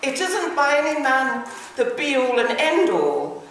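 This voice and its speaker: A woman's voice: sits high, sing-song, slow pace, fairly bright tone, slight background noise. An older woman making assured, persuasive remarks to a meeting. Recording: echoey room from far off.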